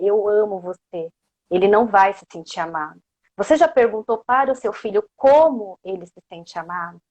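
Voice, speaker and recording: Woman coach w/ brazilian accent giving a motivational talk, keeps asking the crowd questions, lots of "né?". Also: mid-range voice. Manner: often ends phrases with a questioning "né?". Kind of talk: motivational lecture.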